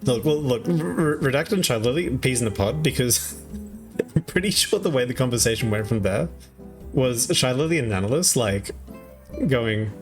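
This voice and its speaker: A man's voice: mid-range voice, lively intonation, moderate pace, soft background music. A young Australian man streaming, recapping online drama in rambling, casual chat with many fillers and frequent laughs. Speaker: VTuber streamer.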